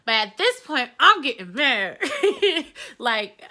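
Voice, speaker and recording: A young woman tells a story in a chatty, animated way, full of slang and asides. Her voice sits fairly high and rings very bright. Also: unhurried. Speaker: vlogger. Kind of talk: storytime vlog.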